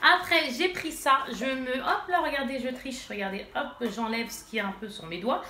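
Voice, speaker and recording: A chatty woman vlogger talks straight to her viewers, with a stuffy nose and plenty of fillers. Her voice sits a little high. The room is echoey, with faint noise behind her. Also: normal speed, bright, forceful tone. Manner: chatty, addresses viewers directly, many fillers. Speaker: beauty vlogger. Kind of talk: casual haul and swatch demo.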